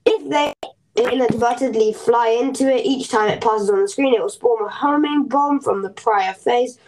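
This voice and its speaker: A woman's voice: fairly high pitch, darkish tone, poor audio. Rambling woman chatting about a game. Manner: rambling, halting, many fillers and restarts; explains game strategy in detail. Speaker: podcast co-host. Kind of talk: casual gaming chat.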